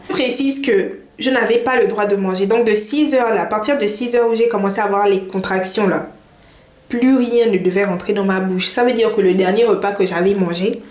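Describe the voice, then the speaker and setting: A young woman telling a personal story to her viewers in a lively, chatty way. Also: medium pitch. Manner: lively, chatty, laughs while telling, addresses viewers directly. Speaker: vlogger. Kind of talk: casual storytime to camera. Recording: echoey room, faint noise.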